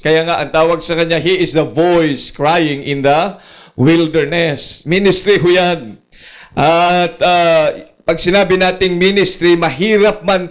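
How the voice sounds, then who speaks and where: A man's voice: high-pitched, muffled recording. A male pastor preaching a sermon at a prayer meeting, mixing English phrases into his talk and adding laughs and asides to the congregation.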